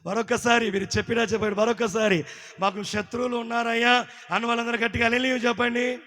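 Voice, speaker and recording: A man preaching in call-and-response, leading the congregation to repeat lines. He swings from shouted peaks to quiet asides. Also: very high-pitched, level tone, fast. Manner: repeats lines for the crowd to echo. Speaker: pastor.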